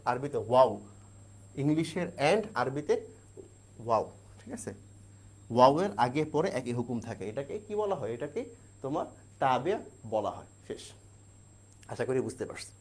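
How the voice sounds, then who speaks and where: A man's voice: medium pitch, lively intonation, normal speed, pauses often. A man teaching an exam-prep grammar lesson, explaining step by step and asking and answering his own questions. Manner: keeps checking in with the class.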